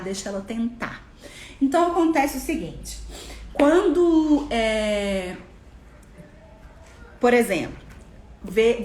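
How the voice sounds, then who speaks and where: A young adult woman teaching parents in an instructional talk, animated and acting out parent-child dialogue with stretched-out phrases. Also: on the high side. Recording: echoey room with faint noise.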